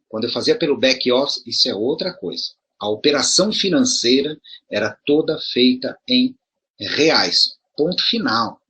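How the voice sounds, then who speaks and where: Very husky middle-aged Brazilian man. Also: medium pitch, bright, forceful tone. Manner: conversational, rhetorical questions, frequent restarts. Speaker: video commentator addressing promoters. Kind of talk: casual explanatory monologue.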